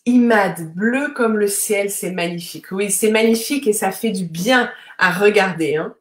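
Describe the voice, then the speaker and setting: A woman's voice: mid-range voice, moderate pace. A woman French teacher hosting a live-streamed vocabulary lesson, explaining patiently and greeting viewers from the comments, with frequent fillers and tag questions. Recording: roomy echo.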